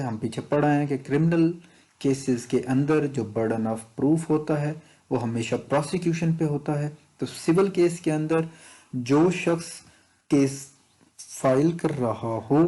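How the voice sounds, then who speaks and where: A man with a Pakistani accent and a slightly high, dark-toned voice works as an exam tutor. He methodically reads out questions and explains the answers, switching between two languages.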